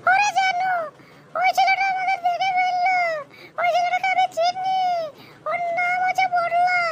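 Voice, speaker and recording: A squeaky panicky young wife. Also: heavy background noise. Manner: panicky, tearful, pleading. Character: frightened cheating young wife.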